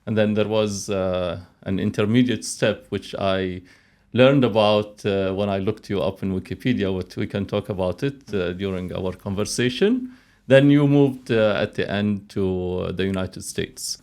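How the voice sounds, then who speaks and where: A man with a fairly low, gravelly voice hosts a conversational interview podcast. His delivery is halting and hesitant, yet the tone stays smooth and resonant. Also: a little mellow. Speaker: podcast host interviewing a guest.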